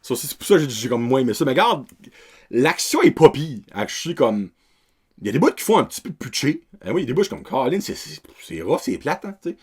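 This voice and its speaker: A young man with a Québécois French accent rambles through a casual film review, sprinkling in English words and loose slang. His pitch swings up and down a lot as he talks, in an unpolished, off-the-cuff way. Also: sing-song, fast, a little mellow, husky. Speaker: podcast host.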